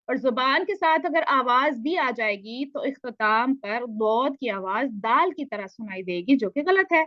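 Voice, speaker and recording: Patient woman teaching Tajweed, slightly high voice. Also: no room sound, lo-fi sound. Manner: patient, repeats and asks checking questions. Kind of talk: online lesson with slides.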